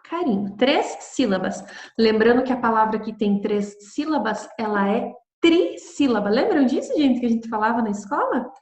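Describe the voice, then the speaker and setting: A Brazilian woman teaching children in a recorded video lesson, gentle and patient, explaining step by step. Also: a little high, sing-song, moderate pace. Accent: Brazilian Portuguese. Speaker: primary school teacher. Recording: echoey room.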